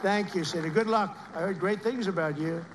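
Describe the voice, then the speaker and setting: A man's voice: high-pitched, brisk, a little hiss or hum. A man giving a rambling rally speech, heaping repeated praise on people in the crowd. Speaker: political speaker at a rally.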